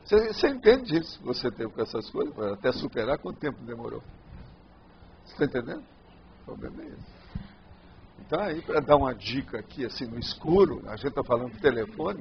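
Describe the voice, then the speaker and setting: A man's voice: mid-range voice, gravelly, slight background noise. A man with a Brazilian Portuguese accent, answering audience questions in a loose, rambling lecture and often checking that he is understood. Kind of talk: informal lecture Q&A. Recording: dull lo-fi sound.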